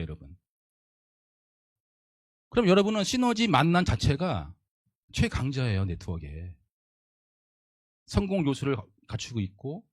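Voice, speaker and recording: A man's voice: on the high side, no echo, studio quality. A man giving a motivational leadership lecture in an emphatic style, repeating his points and asking his audience rhetorical questions.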